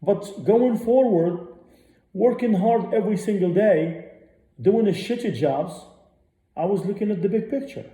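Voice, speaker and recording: A man rants on a radio show, blunt and profane, and he hammers his points again and again. His voice is very dark and sits a little high. The room around him sounds echoey. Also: unhurried. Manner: blunt, profane, repeats himself. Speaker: radio host. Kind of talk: ranting monologue.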